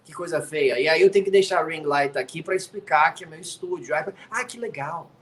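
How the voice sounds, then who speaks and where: A guest NFL commentator who grew up in the US chats casually from his home studio, playfully teasing and adding "né?" to his lines. His fairly high, slightly bright voice moves a little fast, with slight background noise.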